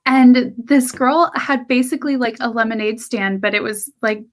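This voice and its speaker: A woman's voice: fairly high pitch, moderate pace. An American woman co-hosting a reading stream, telling casual stories over a video call with hesitant restarts. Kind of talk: casual chat on a live stream.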